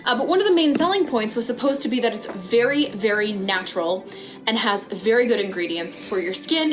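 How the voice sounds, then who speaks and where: Chatty girl youtuber doing a ranty review, highish voice, dramatic emphasis, faint music. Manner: chatty, dramatic emphasis with drawn-out, repeated words. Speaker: YouTube host. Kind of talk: casual rant-style product review vlog.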